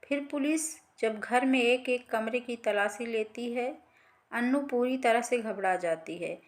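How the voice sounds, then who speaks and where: A woman storyteller reading a scripted family drama in an even, plain manner. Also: a little high, unhurried.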